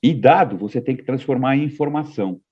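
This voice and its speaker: A man's voice: medium pitch, brisk, dark tone, husky, highs cut off. A man as a podcast guest, talking in a reflective, hesitant way with frequent restarts. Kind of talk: casual podcast conversation.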